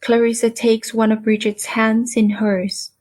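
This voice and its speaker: A woman narrating a literary audiobook in a measured, calm reading voice. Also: fairly high pitch.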